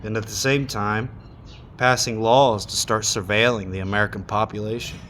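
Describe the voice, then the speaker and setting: Heated, cursing man with a low voice. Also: steady tone, a bit bright, slight background noise. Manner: heated, swearing, with long pauses. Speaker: monologue speaker. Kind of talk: casual rant.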